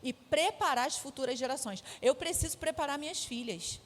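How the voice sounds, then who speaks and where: A woman's voice: high-pitched, normal speed, slight background noise. A woman with a Brazilian Portuguese accent, preaching a sermon in a firm, emphatic, conversational way. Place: church sanctuary. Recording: echoey church hall.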